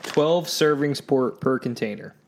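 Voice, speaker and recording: A man's voice: mid-range voice, measured pace, slight background noise. A man co-hosting a casual Bible discussion, speaking plainly and in an easygoing way. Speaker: podcast co-host.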